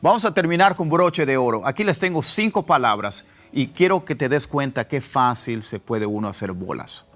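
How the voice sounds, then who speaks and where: A man whose first language is Spanish, teaching English pronunciation and repeating word pairs slowly to contrast them, with faint music underneath. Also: mid-range voice, expressive, fairly bright tone. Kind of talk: casual pronunciation lesson.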